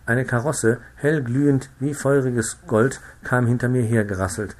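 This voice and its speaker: A man reading a classic story aloud, narrating in a measured, expressive way. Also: medium pitch. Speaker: reader. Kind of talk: literary audiobook narration.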